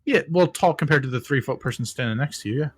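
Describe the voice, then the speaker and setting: A man's voice: mid-range voice, quick pace, breathy edge, no echo. A man narrating as game master, rambling, with many ums and restarts.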